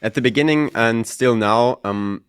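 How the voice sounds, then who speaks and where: A man's voice: mid-range voice, normal speed, clear, resonant tone, no room sound, clean studio sound. A young man, answering interview questions in a modest, hesitant way with many ums. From Germany. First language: German. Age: 20s. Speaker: podcaster guest.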